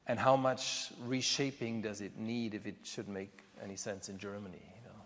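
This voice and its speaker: A man moderating a panel discussion, asking measured questions and repeating words as he goes. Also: lowish voice, steady tone, a bit bright. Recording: reverberant hall recording.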